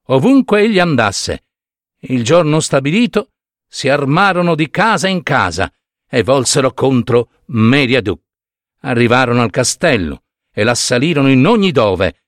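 A man narrating a medieval tale in an expressive, measured reading. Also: medium pitch, no room sound, studio quality. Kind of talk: storytelling reading.

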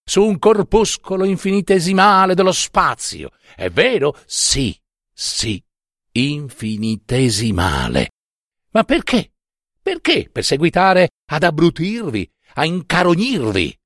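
A man's voice: lowish voice, expressive, unhurried, no echo, clean studio sound. A man voicing an indignant young male professor who scolds and mocks with emphatic reproach. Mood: mocking lecture.

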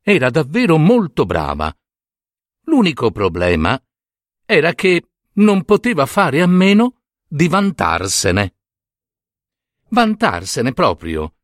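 A man narrating a myth as a storyteller, lively and theatrical, giving each character a voice. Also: on the high side, slow pace, long pauses, dry recording, clean studio sound.

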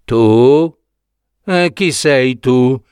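A man's voice: mid-range voice, very slow, darkish tone, clear, resonant tone, no room sound, clean studio sound. A man voicing a poor, kind young courier who asks anxious questions.

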